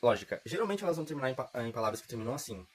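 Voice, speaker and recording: A man explains a grammar point in a relaxed, chatty way. His voice is slightly husky, and he talks quickly. He keeps checking that the listener is following along. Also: medium pitch, poor audio. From southern Brazil. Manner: informal, chatty, frequent "tá?" checks. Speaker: teacher. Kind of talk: casual grammar lesson.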